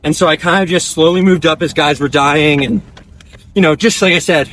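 A man in his twenties chatting casually in breathy short phrases as he runs outdoors while being interviewed. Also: a little high, brisk, a bit bright, a little hiss or hum. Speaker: professional distance runner being interviewed. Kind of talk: casual chat while running. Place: outdoors on a dirt country road, on the move.

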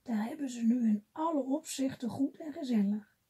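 Very breathy woman reading a fairy tale. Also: high-pitched, normal speed. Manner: gentle, dropping to a whisper. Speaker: storybook reader.

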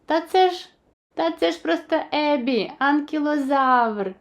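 Жінка озвучує сміливого, нетерплячого маленького динозаврика-хлопчика з книжки-казки, говорить захоплено й вигуками. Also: female voice, sits high, a little slow, pitched above the performer's own voice. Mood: excited. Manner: excited, exclaiming. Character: eager brave little boy dinosaur.

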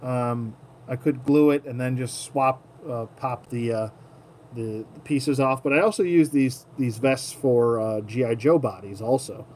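Working at a tabletop indoors, a man who collects toys walks viewers through a relaxed hands-on tutorial, muttering to himself now and then as he handles things. He speaks at a medium pitch, unhurried, with a darkish tone, over plainly noisy room sound.

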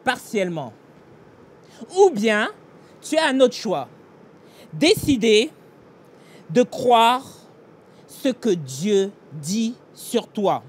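In a small indoor room, a middle-aged pastor addresses the listener directly in an earnest devotional meditation and prayer, gesturing emphatically. His high voice is sing-song and breathy, very slow with long pauses, and he's filmed mid-shot by a fixed camera.

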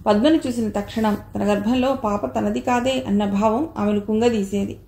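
A woman reading a short story aloud in a measured, expressive way. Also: mid-range voice. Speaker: story reader. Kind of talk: audiobook narration. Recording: roomy echo.

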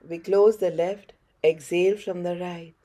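Slow, mellow North Indian woman teacher. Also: fairly low pitch, steady tone. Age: middle-aged. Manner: encouraging, instructing in short phrases. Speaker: yoga teacher. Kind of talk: guided online class instruction. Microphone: facing camera, head-and-shoulders webcam framing.

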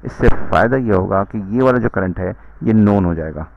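A man's voice: fairly low pitch, moderate pace, gravelly. A man giving a recorded university lecture, talking students through a circuit problem with many uh fillers. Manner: code-switching into English, frequent uh fillers, direct address to students. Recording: dull lo-fi.

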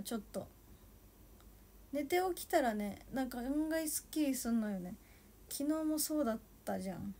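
A woman in her twenties chatting casually on a solo livestream, soft and a little sleepy, sometimes dropping to a murmur. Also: on the high side, slight background noise. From Japan. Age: 20s. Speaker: idol livestreamer.

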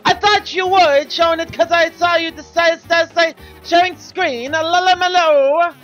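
A woman's voice: very high voice, steady tone, unhurried, fairly bright tone, highs cut off, soft background music. A woman voicing a gushing giggly artist. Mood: excited. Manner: giggly, gushing, bursts into squeals. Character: excitable young woman artist chatting online. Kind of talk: fan voice-over of chat messages.

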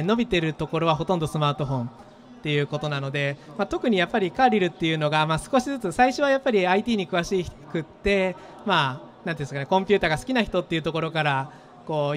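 On an expo stage, a man in his thirties, a startup founder from Gifu, Japan, is interviewed with a handheld mic. He has a high voice and speaks rapidly and reflectively, packing in plenty of fillers.

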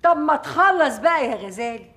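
A woman's voice: high voice, expressive, fairly quick, a bit bright. An actress playing a doting Egyptian mother who fusses over her grown son with endearments. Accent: Egyptian Arabic. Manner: affectionate, fussing, endearments.

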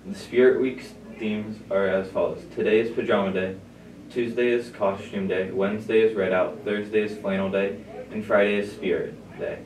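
A man with a very low voice reads school announcements in a steady, plain manner. He is heard through a loudspeaker that sounds far off, with a roomy echo around the words. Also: moderate pace. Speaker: student announcer. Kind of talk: reading morning school announcements.

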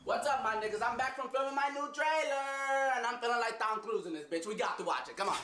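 A man's voice: extremely high pitch, fast, pushed and bright, a little hiss or hum. A young man playing a cocky, foul-mouthed Mario as a boastful reality-show star in a comedy skit. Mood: excited. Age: young adult. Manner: boastful, swearing.

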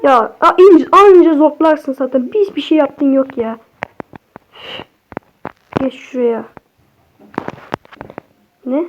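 A young woman, a native Turkish speaker, gives excitable, chatty horror game commentary to her viewers, cursing at the game as she plays. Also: high voice, takes it slowly, pauses often, highs cut off, a little hiss or hum. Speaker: gaming streamer.

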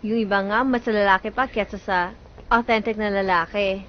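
A woman's voice: mid-range voice, steady tone, moderate pace, lo-fi sound, slight background noise, close to an everyday voice. An actress playing an outspoken young woman who teases and pries, in a film drama. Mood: prying. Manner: teasing, blunt. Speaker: office mate, visiting woman.

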